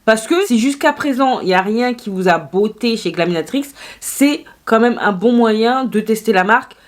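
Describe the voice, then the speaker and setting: A woman's voice: a little high, lively intonation, normal speed. A woman chatting through a makeup haul video, playful and self-mocking, talking straight to her viewers. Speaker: beauty YouTuber.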